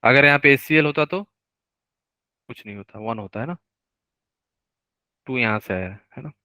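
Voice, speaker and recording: A man teaching a live online chemistry class, explaining step by step, slowing down to dictate formulas and often checking that students follow. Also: medium pitch, sharp tone, no room sound, poor audio. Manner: explains step by step, keeps asking students to confirm.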